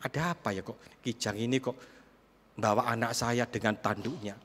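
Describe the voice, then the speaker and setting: A man's voice: medium pitch, normal speed, a bit bright, long reverb tail, voice pushed down, close to an everyday voice. A man voicing a worried village mother. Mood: musing.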